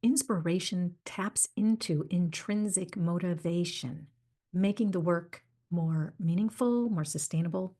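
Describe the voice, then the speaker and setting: Woman podcast host, low-ish mellow husky voice, animated storyteller. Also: a little slow. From United States. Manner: animated storytelling, acts out quoted dialogue.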